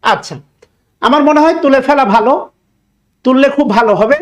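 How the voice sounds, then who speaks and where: High-voiced Bangladeshi man teaching grammar. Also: fairly quick. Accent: Bangladeshi Bengali. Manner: repeats key words, checks if students follow, jokes. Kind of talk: exam-prep lecture.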